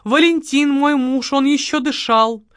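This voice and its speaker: A woman's voice: high-pitched, measured pace, no echo, studio quality, voice pushed up. A woman voicing a theatrical, self-pitying widow who pleads and sighs melodramatically. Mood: dramatic pleading.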